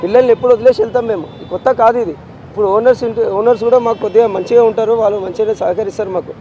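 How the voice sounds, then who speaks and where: A man's voice: high-pitched, steady tone, racing, warm tone, dull audio, soft background music. A grieving father with a Telangana accent speaking in a street interview, insistent and repetitive as he pleads for justice. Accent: Telangana Telugu. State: distraught with grief.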